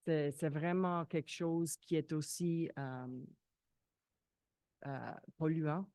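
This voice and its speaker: A woman's voice: deep voice, steady tone, slow, warm tone, no room sound, studio quality. A woman who is not a native French speaker, with a foreign accent in French, raising questions informally as a resident at a public meeting and searching for her words.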